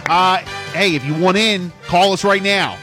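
Male radio host, high-pitched voice, live game show hosting, announcer-style repeats, music behind. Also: a little slow. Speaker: radio host running a phone-in contest. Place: radio studio. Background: music playing.

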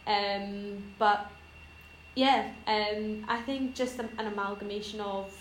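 A woman's voice: medium pitch, steady tone, slow. A young woman from Iran chatting casually on a podcast, rambling and hesitant with lots of fillers. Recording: roomy echo, faint noise.

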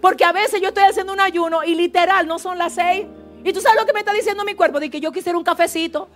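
Woman pastor mid-sermon in church, high pitch, lively and fervent, soft music underneath. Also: quick pace. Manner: fervent, animated preaching with asides to the congregation. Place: church service.

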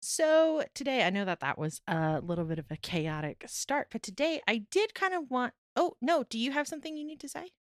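A woman co-hosting a casual podcast, telling an anecdote in an animated way. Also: high-pitched, brisk, few pauses, no room sound, studio quality. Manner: animated storyteller. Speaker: podcast co-host.

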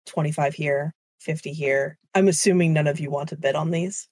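Low-voiced woman running a tabletop game. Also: moderate pace, no echo, clean studio sound. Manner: relaxed, chatty, frequent "like" fillers. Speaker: game master.

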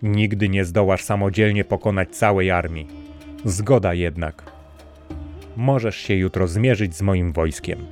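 A man voicing a proud, quick-tempered old king who speaks gruffly and commandingly. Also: low-pitched, a little mellow, faint music behind. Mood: stern.

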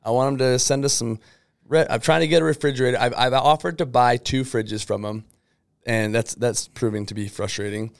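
A man's voice: medium pitch, steady tone, brisk, gravelly, dry recording, clean studio sound. A man hosting a casual interview, upbeat and effusive, rambling a little as he introduces his guest. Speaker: podcast host interviewing an employee.

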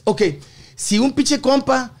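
Mexican man, high voice, casual podcast chat, profane and emphatic. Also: fairly even intonation, slow pace. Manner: slangy, profanity-laden, emphatic. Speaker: podcast co-host.

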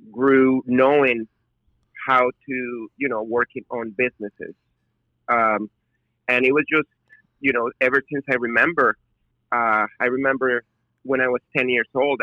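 A man's voice: medium pitch, bright, forceful tone, no room sound. A man, chatting in a friendly way as a podcast guest. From Colombia. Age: 40s. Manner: friendly, leans on stock phrases like "of course". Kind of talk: casual interview talk. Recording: dull lo-fi sound.

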